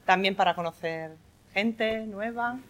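A woman's voice: mid-range voice, a little slow, fairly bright tone. Cheerful Italian-accented woman. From Italy. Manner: cheerful, chatty, laughs often. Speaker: tennis league participant. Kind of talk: interview answer.

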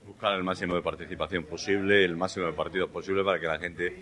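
A man interviewing local tennis players, asking brisk, direct questions. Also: low voice, level tone, fairly bright tone.

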